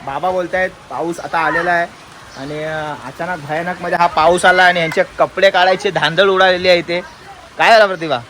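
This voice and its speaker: A high-pitched man chats excitedly to his viewers while filming on a handheld phone. He is outdoors in a village and calls out to his family as he goes. Heavy rain hisses loudly behind his voice. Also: fairly quick. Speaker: vlogger. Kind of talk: casual vlog narration to viewers. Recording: loud rain noise outdoors.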